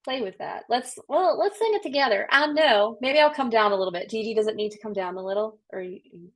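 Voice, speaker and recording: A woman with a trained soprano voice leads a voice workshop over a video call. She talks in a chatty, upbeat way, full of encouragement and relaxed fillers. She sounds like a coach guiding a group. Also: a little high, fairly quick. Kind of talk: online voice workshop instruction.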